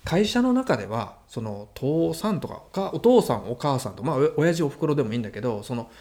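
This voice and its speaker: A man with a Kansai accent, a guest mentor recounting work stories in casual conversation, animated and chuckling. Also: mid-range voice, fast. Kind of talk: conversational storytelling.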